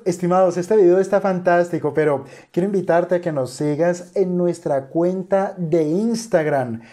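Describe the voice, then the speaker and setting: A man's voice: sits high, moderate pace, mellow. A man, an investor, reacting to a video with earnest, motivational commentary and speaking directly to his viewers.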